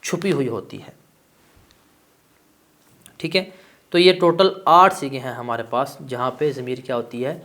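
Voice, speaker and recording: A man's voice: long pauses, a bit bright. A male teacher giving a classroom grammar lesson, asking questions and answering them himself. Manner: stresses terms with rising pitch.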